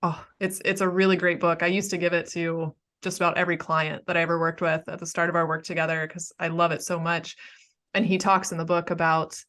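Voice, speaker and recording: Female host, slightly low voice, affirming, enthusiastic conversational coach. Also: little pitch movement, a little fast, a bit bright. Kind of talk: casual podcast conversation.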